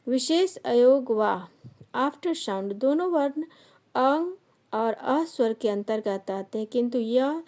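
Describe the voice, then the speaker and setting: A woman teaching a grammar lesson, slowly dictating definitions and listing sounds and example words one by one. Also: fairly high pitch, dark tone. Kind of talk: slow classroom grammar lesson.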